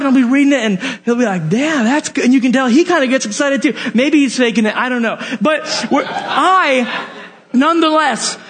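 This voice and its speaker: A young man with a notably high voice preaches to his congregation. He tells stories in an animated way, slips in jokes and keeps putting direct questions to his listeners. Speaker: youth pastor. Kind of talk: sermon.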